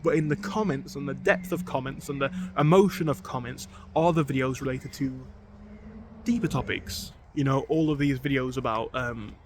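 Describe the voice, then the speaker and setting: A man's voice: mid-range voice, moderate pace, noisy background. A young man talking earnestly to camera in a casual vlog outdoors on a bike ride, often repeating words as he thinks aloud. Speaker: vlogger.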